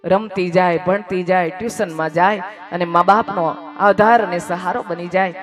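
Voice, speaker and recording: A man giving a devotional storytelling sermon, his speech swelling loud and then dropping almost to a whisper, and repeating phrases in rhythmic lists. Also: high-pitched, fairly even intonation, normal speed, soft background music. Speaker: katha storyteller.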